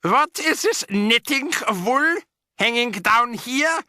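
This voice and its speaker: A man voicing a cruel, commanding old witch queen, with a shrill, drawn-out, imperious voice in a storybook reading. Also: animated, bright, forceful tone, dry recording, clean studio sound, exaggerated voice. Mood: snapping. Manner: snapping, imperious.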